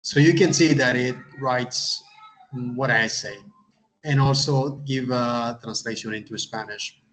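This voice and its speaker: A man who teaches English, giving a step-by-step tutorial in a halting way, often repeating words and adding uh. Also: mid-range voice, a bit bright, rough recording. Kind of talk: instructional tutorial.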